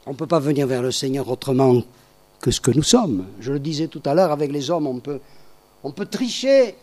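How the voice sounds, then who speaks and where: A man preaching a sermon, emphatic, swinging between soft asides and loud peaks. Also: mid-range voice, fairly quick.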